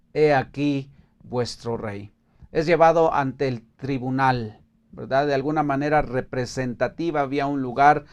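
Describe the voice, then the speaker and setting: Speaking with a Mexican Spanish accent, a man leads a Bible study in a casual, hesitant way and reads verses aloud. His medium-pitched delivery is full of fillers and restarts.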